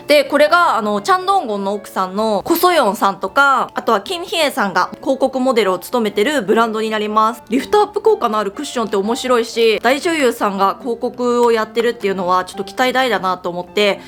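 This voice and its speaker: A woman from Japan chatting casually as a beauty vlogger while she does her makeup, telling stories in an animated way. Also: fairly high pitch.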